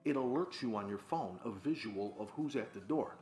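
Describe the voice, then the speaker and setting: A man hosting a podcast, delivering a loud, profane, comedic rant about everyday annoyances. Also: lowish voice, normal speed. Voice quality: loud, animated, frequent swearing. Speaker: podcast host. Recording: echoey room with faint guitar music.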